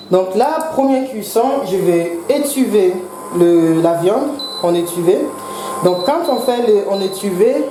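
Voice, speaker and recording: A woman hosting her own cooking channel, explaining a recipe step by step in a chatty way and pausing now and then to search for words. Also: lowish voice. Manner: chatty, explains each step with gentle asides. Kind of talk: casual cooking tutorial. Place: home kitchen. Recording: echoey kitchen with faint background noise.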